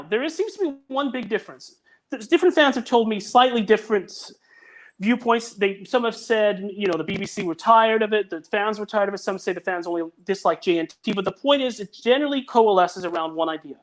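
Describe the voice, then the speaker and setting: Over a rough recording, a man who creates audio dramas talks a little fast in a high-pitched voice. He's a guest on a laid-back podcast conducted by video call, sincere in tone and prone to starting his sentences over.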